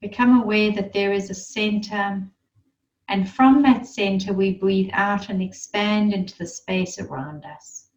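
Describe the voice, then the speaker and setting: In a soothing, unhurried way, a woman guides a meditation, giving gentle instructions between pauses. Her voice is mid-range, and the mic sits at a distance, leaving the audio dull.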